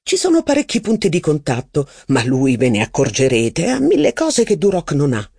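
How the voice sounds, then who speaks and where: Male narrator doing a fiery young aristocratic officer, high and insistent, bursting with enthusiasm. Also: gravelly, slightly rough, dry recording, studio quality, full character voice. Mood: excited. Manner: excitable, insistent, quick to cheer.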